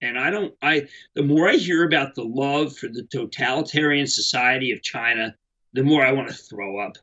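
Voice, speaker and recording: A man's voice: medium pitch, moderate pace, sharp tone, highs cut off. A middle-aged man giving unscripted market commentary, rambling and emphatic with many restarts.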